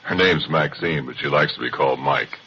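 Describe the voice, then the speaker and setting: An actor playing a middle-aged former oil roughneck who tells his story in a folksy, chatty monologue, in 1940s radio acting style on a muffled broadcast with hiss. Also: rumbling low, fairly quick, bright, forceful tone, full character voice. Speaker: narrator.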